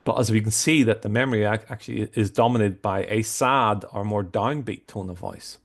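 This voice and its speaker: A man presenting a screen-share tutorial, explaining things in a halting way with frequent restarts. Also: fairly low pitch, gravelly. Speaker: software demo presenter.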